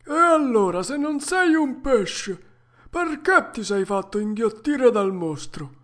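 A woman's voice: on the high side, very animated, a bit bright, voice pushed up, heavily acted. A woman voicing a resigned, philosophical old male tuna with a harsh, cracked voice, reading a storybook aloud. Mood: grim. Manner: slow, grave and sententious.

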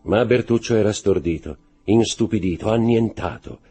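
A man narrating an audiobook with a dramatic, expressive reading, over faint background music. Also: lowish voice, moderate pace, slightly rough.

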